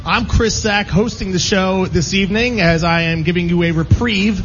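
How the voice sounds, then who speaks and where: A man with a high-pitched, slightly bright voice hosts a live sports radio show from a remote broadcast at a casino, bantering and moving through long introductions at a moderate pace. The broadcast sound is dull and lo-fi, with faint background noise.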